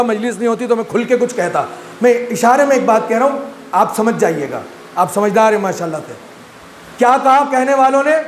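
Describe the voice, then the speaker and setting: Man, majlis sermon, very high voice, rhetorical questions to the listeners, echoey hall. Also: slight background noise. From Pakistan. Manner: rhetorical, asks the audience questions. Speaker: Shia majlis speaker. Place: large imambargah hall. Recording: echoey hall recording, faint room ambience.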